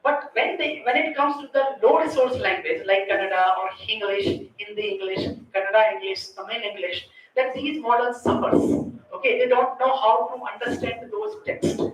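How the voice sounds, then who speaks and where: A woman with an Indian accent and a fairly high voice delivers a technical conference lecture at a moderate pace, her tone steady and her pauses few. She explains things step by step, often closing a point with checks like "right?" or "okay." The mic is distant, the room very echoey, and there's faint noise.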